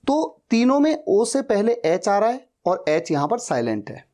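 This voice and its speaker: A man's voice: high-pitched, big pitch swings, normal speed, mellow. A man teaching an English pronunciation lesson, patiently spelling out words and repeating them. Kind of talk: slow spoken-English lesson.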